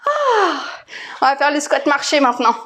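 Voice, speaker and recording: High-pitched, energetic woman coaching a workout. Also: takes it slowly. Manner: energetic, encouraging, exclaiming short commands. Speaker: fitness coach. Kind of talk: home workout instruction, calling out exercises and counts.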